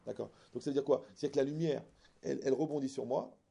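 Guy giving a talk, raspy kinda husky voice, keeps going "d'accord?" at the crowd, jokey. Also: medium pitch, fast. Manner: animated, asks the audience rhetorical questions. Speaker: religious teacher. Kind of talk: lecture with anecdotes and humor.

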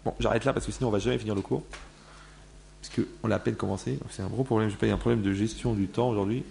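A man giving a lively class to an audience into a microphone, acting out everyday people as he explains. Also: fairly low pitch, gravelly. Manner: animated, acts out everyday people in quick voices. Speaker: religious teacher. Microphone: microphone in front of a live class.

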